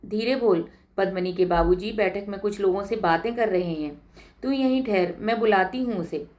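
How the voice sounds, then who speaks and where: A woman voicing a cautious village mother who hushes and warns, in a read-aloud story. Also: medium pitch, moderate pace, natural voice. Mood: hushed. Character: stern-minded village mother, hushing and hurried.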